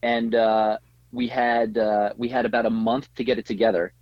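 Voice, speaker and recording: A middle-aged man, a tattoo artist guest, telling an animated story in a casual interview, laughing often and acting out what people said. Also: medium pitch, normal speed, dry recording, dull audio.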